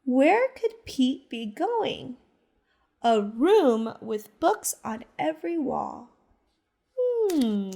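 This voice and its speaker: Here a teacher librarian, a woman, is reading a picture book to kids. She speaks in an unhurried, high, lively voice, lingering expressively over the story and posing questions to the children as she goes.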